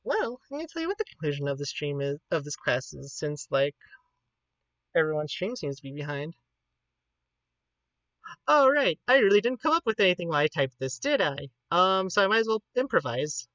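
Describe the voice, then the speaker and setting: Animated woman with a Pittsburgh accent. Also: low voice, brisk, no echo, lo-fi sound. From Pittsburgh, United States. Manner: animated, informal, rambling. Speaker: livestreamer teaching an informal class. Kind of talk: casual livestream chat.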